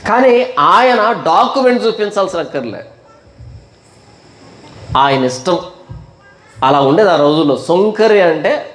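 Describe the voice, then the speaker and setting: A male pastor preaching a Bible study sermon, firing off rhetorical questions and stretching words for emphasis. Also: high voice. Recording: echoey room.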